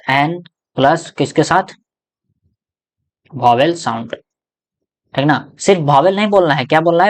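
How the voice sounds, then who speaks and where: Male teacher, grammar lesson, rhetorical questions, answers them himself, checks in constantly. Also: medium pitch. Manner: keeps checking in with the class.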